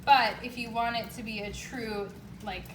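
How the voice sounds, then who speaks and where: A woman's voice: on the high side, fairly even intonation, normal speed. A woman hosting a casual home baking demonstration in a chatty, informal, upbeat way. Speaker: home baking show host. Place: indoor home kitchen. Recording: echoey room, distant mic, clear noise.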